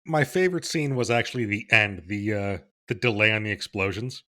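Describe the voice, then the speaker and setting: A man guesting on a movie podcast, recounting scenes in a hesitant, dry, deadpan way. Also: fairly low pitch, brisk. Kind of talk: casual movie chat.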